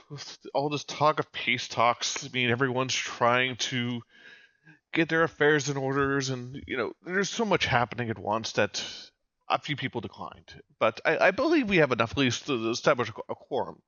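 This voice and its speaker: A man's voice: medium pitch, lively intonation, moderate pace, sharp tone, no room sound, highs cut off. A man voicing a fussy, flustered male noble who stumbles over his words in a tabletop role-play.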